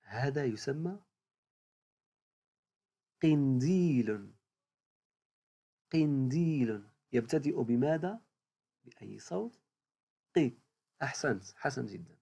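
A primary school teacher from Morocco giving a recorded reading lesson to young pupils, repeating each word slowly and praising every answer. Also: medium pitch, lively intonation, vocal fry, mellow, slightly rough, muffled recording.

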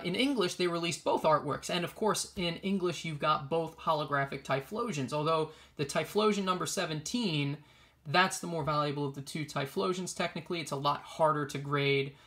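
A young man with a fairly high, bright, forceful voice and some vocal fry hosts a video as an enthusiastic trading card collector. He gives casual, chatty show-and-tell commentary while sitting at a table in a small indoor room.

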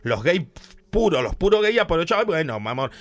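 A man with a Rioplatense accent retells a Bible story for laughs in a flamboyant, theatrical way. His voice sits a bit high and swings widely. He keeps breaking into shrieking put-on voices. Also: sing-song, brisk, fairly bright tone. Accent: Rioplatense Spanish. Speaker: radio comedian.

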